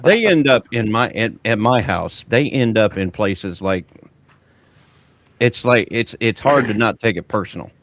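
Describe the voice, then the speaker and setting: Low-voiced American man, rambling folksy chat. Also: lively intonation, unhurried, a bit bright, a little hiss or hum. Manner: rambling, folksy, restarts often. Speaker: podcast co-host. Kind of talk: casual chat.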